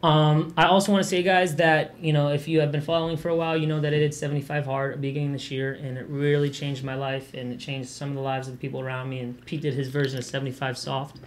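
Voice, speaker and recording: A young man hosting a casual podcast, talking in a loose, rambling way and swearing freely. His voice sits a little high for a man. He laughs easily between thoughts. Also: level tone, quick pace, hardly any pauses. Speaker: podcast host.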